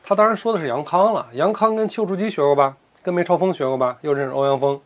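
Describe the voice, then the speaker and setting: A man narrating a martial-arts story in a lively, colloquial, joking way. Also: on the high side, quick pace, highs cut off.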